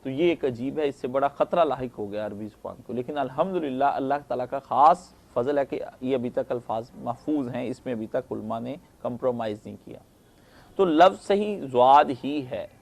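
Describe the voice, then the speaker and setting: A man's voice: mid-range voice, gravelly, a little mellow. A man from Pakistan, giving a conversational Islamic lecture and checking in with his listeners. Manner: conversational storytelling lecture, asks listeners "right?". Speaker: religious lecturer.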